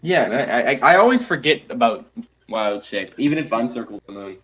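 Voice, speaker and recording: A man chatting casually as a player in an online tabletop game, swearing freely and exclaiming loudly. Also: mid-range voice, very animated, brisk, husky.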